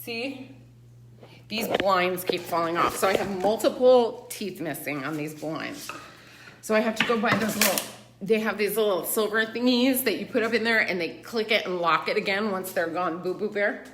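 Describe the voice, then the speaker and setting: A woman's voice: mid-range voice, normal speed, echoey room, background noise. Chatty woman vlogging at home. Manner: chatty, animated, laughs often. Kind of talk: casual vlog chat. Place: her apartment, indoors and out.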